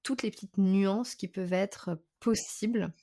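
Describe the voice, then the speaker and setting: A woman vocal coach and singer, speaking as a podcast guest in a thoughtful, explanatory way, often pausing on fillers. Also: medium pitch, dark tone. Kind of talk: conversational interview.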